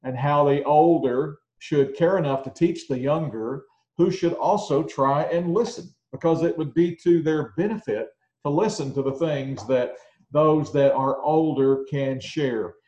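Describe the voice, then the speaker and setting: A man in his sixties giving a conversational sermon to a congregation, often pausing with filler words. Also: a little high, mellow, dull audio. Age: 60s. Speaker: preacher. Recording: roomy echo.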